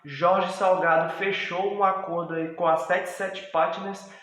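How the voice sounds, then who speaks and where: A man's voice: sits high, level tone, fairly bright tone. A man with a Brazilian Portuguese accent hosting a fan channel, giving casual news commentary with lots of hesitant fillers. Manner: hesitant, many drawn-out fillers. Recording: very echoey room.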